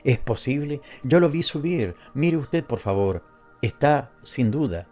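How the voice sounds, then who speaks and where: A man's voice: medium pitch, animated, unhurried, darkish tone, soft background music, lightly acted. A man voicing a distraught young bride who pleads through tears. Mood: pleading. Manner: pleading, tearful.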